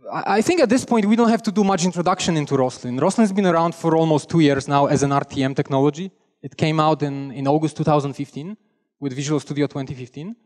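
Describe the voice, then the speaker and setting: A young conference speaker from Poland talks through a technical topic in a chatty, self-deprecating way, his Polish accent clear over a headset mic. His slightly high voice has a darkish tone, echoing with the large hall he stands in.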